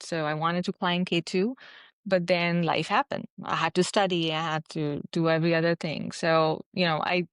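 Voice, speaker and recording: Guest: woman, chatty and animated, smooth clear voice, dry close sound. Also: lowish voice, dry recording. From Pakistan. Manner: chatty, animated, many "you know" fillers. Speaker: interview guest, physician and mountaineer. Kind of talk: casual interview storytelling.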